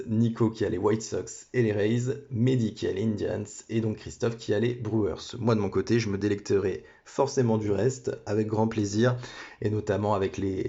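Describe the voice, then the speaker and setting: A man hosts a sports card break on camera, talking casually and stumbling through restarts and little apologies. His voice sits fairly low. The sound comes from a phone and is dull and lo-fi. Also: mellow. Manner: hesitant, many restarts and apologies. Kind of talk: casual card-opening commentary.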